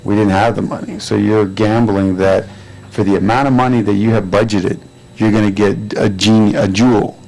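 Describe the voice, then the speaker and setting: Low gravelly man, flat and rambling. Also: normal speed, low-quality recording. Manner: relaxed, rambling with fillers. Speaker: actor and producer. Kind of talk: premiere interview. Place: crowded premiere event.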